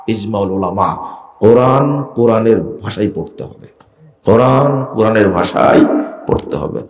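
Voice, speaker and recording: A male preacher delivering a heated sermon. He fires off rhetorical questions, scolding his listeners. His voice leaps up in pitch and loudness to hammer home a point, then drops back to a steady middle register. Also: gravelly. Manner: sudden rises in pitch and volume for emphasis. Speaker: Islamic preacher.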